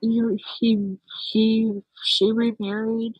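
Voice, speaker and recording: A woman speaking casually and emotionally to the dead, halting and tender, with frequent sighs and a husky voice. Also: on the high side, level tone, no room sound, muffled recording. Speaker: participant in a live spirit box session.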